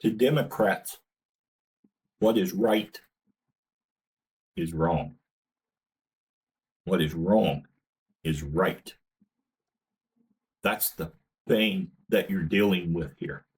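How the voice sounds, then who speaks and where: Slow, husky, indignant man ranting. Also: low voice, poor audio. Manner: blunt, indignant, swears. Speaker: channel host. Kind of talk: political opinion rant.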